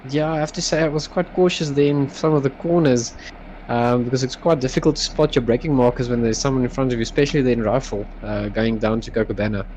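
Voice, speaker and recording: A man's voice: medium pitch, fairly even intonation, fast talker, a little mellow, a little hiss or hum, poor audio. A man with a South African accent, a sim racer giving a casual post-race interview.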